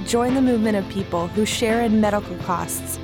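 A woman's voice: medium pitch, fairly quick, over music. A woman reading a scripted radio ad in a reassuring way. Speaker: ad announcer.

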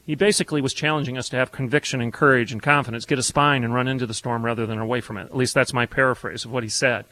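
A man's voice: medium pitch, fairly even intonation, racing, few pauses, sharp tone, poor audio. A man hosting a call-in radio show, speaking in a fervent, preacherly way. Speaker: guest radio host.

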